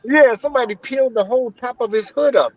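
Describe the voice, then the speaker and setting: High-voiced American man joking in a car. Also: fast talker, no room sound, muffled recording. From United States. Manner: crude, joking banter with laughs. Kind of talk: casual chat while driving.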